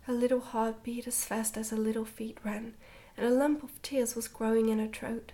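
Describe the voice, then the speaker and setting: Keeping things hushed, an ASMR reader whispers a story in a breathy, slightly high voice, careful and gentle throughout. Her tone stays level and her pace is moderate.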